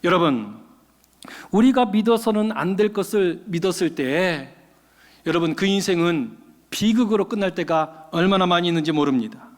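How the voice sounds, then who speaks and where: Man, pastor, sermon storytelling, animated, high-pitched voice, church hall reverb. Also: moderate pace. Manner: animated, acts out the characters' voices. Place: church sanctuary.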